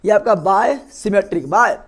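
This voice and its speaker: A young male teacher, giving a classroom biology lecture and drilling students with repeated quick questions. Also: high-pitched, animated, breathy edge.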